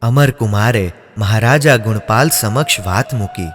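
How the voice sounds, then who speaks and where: A man narrating a devotional drama in a measured, solemn storytelling manner. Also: fairly low pitch. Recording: long reverb, music underneath.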